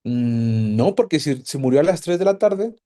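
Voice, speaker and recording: Animated man teaching a class. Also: a little high, normal speed. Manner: animated, asks the class many questions. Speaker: Bible study teacher. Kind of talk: casual teaching to a group.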